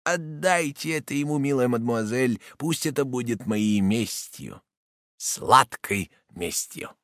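A man's voice: high voice, a little slow, no room sound, studio quality, pitched above the performer's own voice. A man voicing a sly, scheming Jesuit who plays at humility, in an audiobook. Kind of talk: audiobook character reading.

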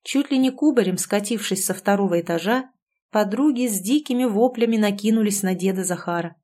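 A woman reading an audiobook aloud in a measured, expressive way. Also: mid-range voice. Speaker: audiobook narrator. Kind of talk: scripted audiobook narration.

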